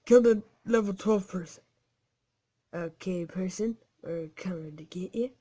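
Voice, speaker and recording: A woman commentating her own gameplay, giggling and switching between taunting whispers and excited shouts. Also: on the low side, a little slow. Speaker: gaming channel host. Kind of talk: game commentary.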